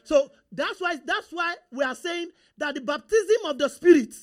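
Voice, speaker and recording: A very high-pitched, expressive male voice at a moderate pace belongs to a Nigerian-accented preacher with Yoruba as his first language. He gives a sermon in call-and-response style, continually asking the congregation rhetorical questions and seeking their agreement.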